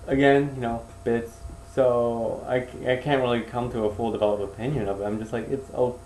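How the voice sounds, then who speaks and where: A man with a mellow, relaxed voice chats casually on a podcast, hedging and circling back as he talks. He is recorded in an echoey room with a faint hiss behind him. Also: mid-range voice, a little fast. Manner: hesitant, hedging and restarting sentences. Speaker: podcast co-host. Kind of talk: casual chat.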